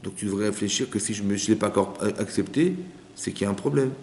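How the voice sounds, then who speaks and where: A man's voice: lowish voice, quick pace, a little mellow, slight background noise. A man, a rabbi, teaching a scripture class, translating verses line by line and asking the audience questions. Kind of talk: lecture on scripture. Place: community centre hall. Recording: echoey hall with long reverb.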